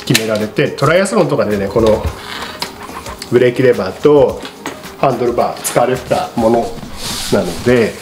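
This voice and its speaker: In a small indoor studio with a paper backdrop, a middle-aged shop presenter gives a polite, casual, unscripted product explanation to camera. His mid-range voice has lively intonation and a moderate pace, with frequent pauses. The sound carries a roomy echo with music in the background.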